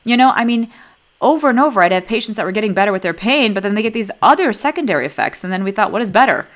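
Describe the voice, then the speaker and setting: A woman's voice: medium pitch, racing. A woman in her forties, a neurologist, giving a conversational teaching talk with personal stories. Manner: animated, conversational, acts out dialogue in stories. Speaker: neurologist teaching a master class.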